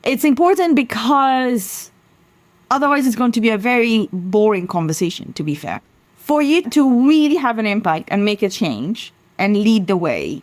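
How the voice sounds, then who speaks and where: A middle-aged Sudanese woman who founded a sustainability consultancy answers interview questions as a guest, speaking passionately and emphatically. Her voice is medium-pitched, with no echo.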